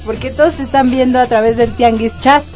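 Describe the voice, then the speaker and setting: A woman's voice: on the high side, fairly even intonation, brisk, over loud music. Teasing woman radio co-host. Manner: teasing and giggly. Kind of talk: comedy radio banter.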